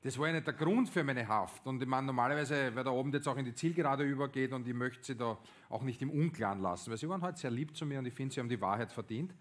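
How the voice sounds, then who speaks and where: A man with an Austrian accent doing stand-up comedy, telling a story in a lively, animated way with sudden bursts. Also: mid-range voice, fast.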